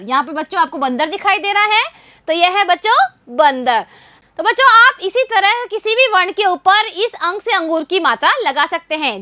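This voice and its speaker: A woman's voice: extremely high pitch, bright, forceful tone, no echo. A woman teaching a children's Hindi writing lesson, patiently repeating her questions and answers for young pupils. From India. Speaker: primary school teacher.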